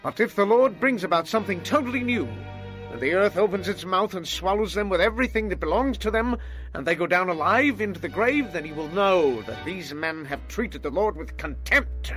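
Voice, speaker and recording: A man's voice: sits high, lively intonation, fairly quick. An actor playing a stern, commanding male prophet leader in a dramatized scripture reading, with faint music behind. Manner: forceful, pleading at times.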